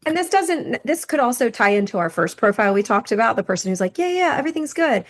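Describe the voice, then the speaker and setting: A woman co-hosting a health podcast, chiming in with lively, quick remarks. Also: mid-range voice. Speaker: podcast co-host, health coach. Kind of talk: casual podcast chat.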